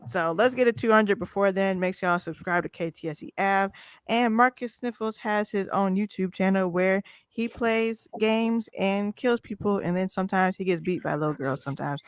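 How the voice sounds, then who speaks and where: A woman co-hosting a casual sports podcast, talking in a profane, teasing, animated way. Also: mid-range voice, moderate pace, clear, resonant tone, no echo. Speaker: podcast co-host.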